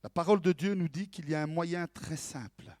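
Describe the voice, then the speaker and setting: Brief male pastor, high voice, lively sermon delivery, dry close sound. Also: fairly quick, dry recording. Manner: animated preaching, swings from hushed to loud, rhetorical questions.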